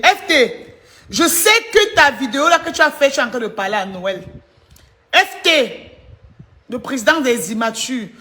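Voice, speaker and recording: A woman with a slightly high, bright, forceful voice hosts a live stream of mocking gossip talk. Laughing frequently, she teases and chats casually with her viewers in side remarks.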